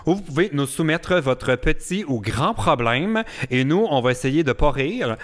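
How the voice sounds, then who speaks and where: A man with a Quebec French accent hosts a podcast in a loose, casual chat. He is animated and laughs often, and he likes to mimic catchy phrases. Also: on the high side, unhurried. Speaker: podcast host.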